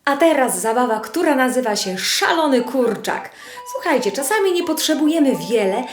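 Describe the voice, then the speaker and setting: A woman speech therapist explaining children's learning games in a friendly, instructive way, speaking directly to parents. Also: on the high side. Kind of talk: instructional video presentation. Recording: echoey room with soft music.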